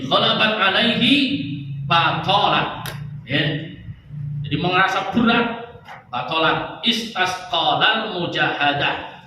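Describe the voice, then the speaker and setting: A man giving an Islamic study sermon to a gathered audience, lively and joking with the listeners. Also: on the high side, recorded from a distance, slight background noise. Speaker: religious teacher. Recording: echoey hall, speaker off-mic.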